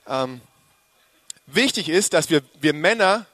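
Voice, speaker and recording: A man delivers a sermon in a lively, joking way and turns straight to his listeners. His voice sits a little high for a man. The sound is dry and close, with almost no room echo. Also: takes it slowly. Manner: lively, joking, addressing the congregation directly. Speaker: preacher.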